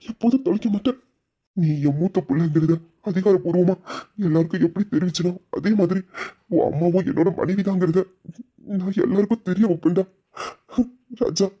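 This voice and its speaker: A woman's voice: on the low side, warm tone, breathy edge, muffled recording. A woman voicing a loving, tearful middle-aged father in an amateur audio drama. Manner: tender, emotional, pleading.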